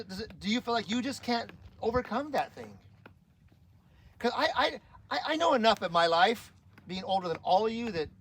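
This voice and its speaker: Sharing his testimony before an audience, this middle-aged man is earnest and emotional, frequently restarting and repeating words. His high-pitched voice is a bit bright, caught on a low-quality recording with a little hiss or hum.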